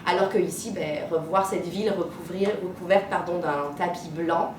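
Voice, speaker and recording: Woman telling stories, roomy distant recording. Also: fairly even intonation. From Martinique. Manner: chatty storyteller, many "euh" pauses. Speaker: maths teacher interviewee. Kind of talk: casual interview answers. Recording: roomy, distant mic, rumbling noise.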